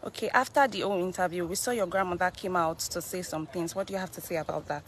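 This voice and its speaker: A Nigerian woman hosting a live interview, prompting with brisk questions and short "okay"s. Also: lowish voice, a little hiss or hum. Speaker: host. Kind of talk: live interview and walk-through.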